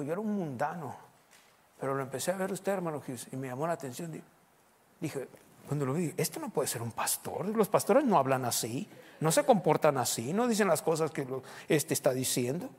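A man preaches in a loud, excitable sermon style, breaking into exclamations. His voice sits high for a man. The sound rings with a long church-hall reverb. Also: breathy edge. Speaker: pastor. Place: church sanctuary.

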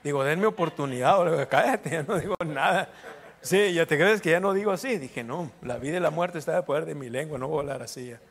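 A man's voice: a little high, fast talker, gravelly, husky. A middle-aged man preaching a sermon as pastor, in a casual joking way, breaking into short prayers and amens. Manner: informal, joking asides with prayer interjections. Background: soft instrumental music.

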